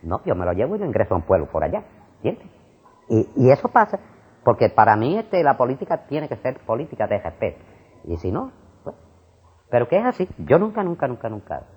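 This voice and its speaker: An older man with a Puerto Rican Spanish accent, a retired school principal answering interview questions in a discursive way, repeating words and filling pauses. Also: medium pitch, breathy edge. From Puerto Rico. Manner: animated and discursive, repeats words, frequent fillers. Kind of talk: casual conversation. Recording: muffled lo-fi recording.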